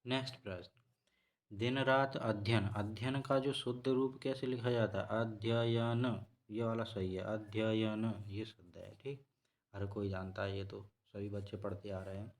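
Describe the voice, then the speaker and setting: A man teaching a spelling lesson for exam preparation, repeating each word slowly and correcting himself as he goes. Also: on the low side, fairly even intonation. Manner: slow, repetitive explaining, self-correcting. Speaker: Hindi teacher.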